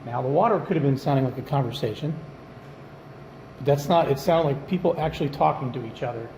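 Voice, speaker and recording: A man's voice: mid-range voice, fast talker, a little mellow. A man narrating his own ghost-hunting vlog as an amateur paranormal investigator, recorded on a handheld camera indoors. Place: indoors, empty public restrooms and office. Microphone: phone or handheld camera. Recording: echoey room, background noise.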